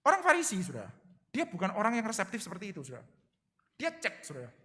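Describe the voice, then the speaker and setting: A male pastor preaching a sermon in a lively way, addressing the congregation as "brothers and sisters" after nearly every phrase. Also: sits high, fast talker. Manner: lively, acts out quotes in different voices. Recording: long hall reverb.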